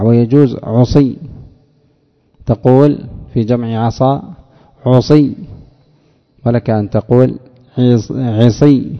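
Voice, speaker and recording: A male teacher of Arabic morphology gives a classroom lecture in a mid-pitched voice, drawling example words slowly and asking the class questions that he answers himself. The recording is dull and lo-fi, with long hall reverb.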